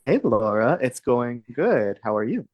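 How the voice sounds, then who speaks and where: A woman in her thirties from Texas co-hosting a podcast, chatting in a relaxed, hesitant way with laughs. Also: rumbling low, a little slow, dry recording, lo-fi sound. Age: 30s. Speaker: podcast co-host. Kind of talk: casual chat.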